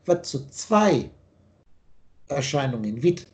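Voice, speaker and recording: A man's voice: high-pitched, moderate pace, darkish tone. A man teaching on a video call, lecturing insistently and spelling out letters as he explains. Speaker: spiritual teacher.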